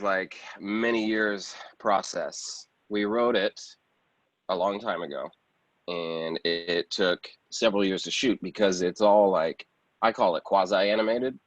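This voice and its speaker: An actor and film producer, appearing as a guest in a casual interview, talks informally about his own work. He has a deep voice and speaks a little slowly. The recording sounds slightly muffled, with a roomy echo.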